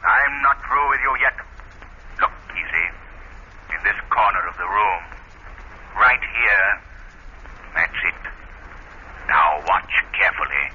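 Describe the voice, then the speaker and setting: The Shadow, menacing invisible avenger. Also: male voice, lowish voice, pushed and bright. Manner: deliberate, taunting, theatrical. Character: menacing invisible avenger, male, taunting and relentless. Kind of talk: 1930s radio acting. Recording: muffled, noisy 1930s radio recording.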